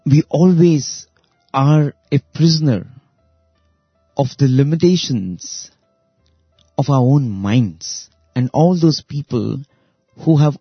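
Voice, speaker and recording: A man hosting a radio show, giving a reflective spiritual talk in a slow, deliberate way with long pauses. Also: mid-range voice, slightly rough, no room sound, dull audio. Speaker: radio host.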